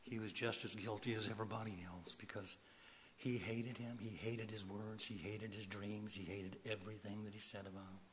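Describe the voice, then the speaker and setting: A man preaching a sermon in an animated way, swinging from loud emphasis to quiet asides. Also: lowish voice, moderate pace, slight background noise. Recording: long hall reverb.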